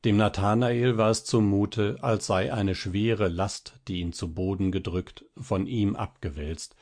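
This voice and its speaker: Man, low voice, audiobook narration, measured and dramatic. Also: steady tone, darkish tone. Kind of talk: audiobook reading of classic fiction.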